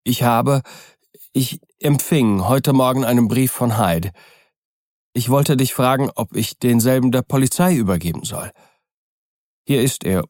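A man's voice: measured pace, pauses often, darkish tone, no room sound, studio quality, lightly acted. A man reading an audiobook, voicing a frightened, nervous middle-aged doctor in an agitated, pleading tone. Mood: nervous earnest. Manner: agitated, pleading, higher-pitched.

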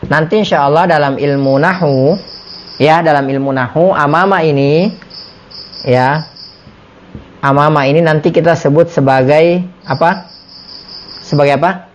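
A man's voice: fairly high pitch, unhurried, pauses often, slight background noise. A man with an Indonesian accent teaching an Arabic lesson, repeating words and quizzing his students. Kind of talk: classroom lesson.

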